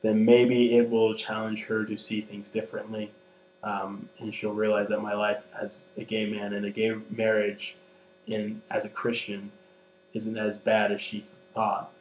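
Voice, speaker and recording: A man's voice: fairly low pitch, monotone, unhurried. A man in his twenties speaking in a personal vlog, earnest and hesitant, with many ums and restarts. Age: 20s. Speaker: vlogger. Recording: echoey room with mains hum.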